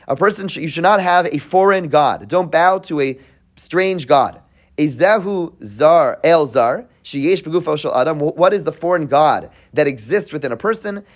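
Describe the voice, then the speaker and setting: Man teaching a text, explaining aloud. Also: on the high side. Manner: reads Hebrew passages then translates and explains; frequent restarts, checks in with "right?" and "okay?". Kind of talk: classroom text study lecture. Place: classroom with listeners present.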